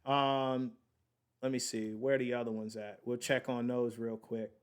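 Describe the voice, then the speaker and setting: A man's voice: medium pitch, level tone, measured pace, clean tone. A man in his late thirties hosting a casual podcast about investing, talking to his listeners in a chatty, slangy way and working out sums aloud as he goes. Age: late 30s. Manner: slangy, addresses listeners as y'all. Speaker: podcast host.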